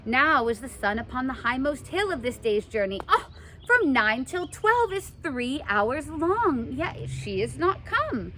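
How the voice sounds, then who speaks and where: Woman acting impatient lovesick teenage Juliet, high and swooping. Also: very animated, a little slow, sharp tone, heavily acted. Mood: impatient longing. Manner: dramatic, pleading, exasperated. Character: impatient, lovesick teenage girl pleading for news.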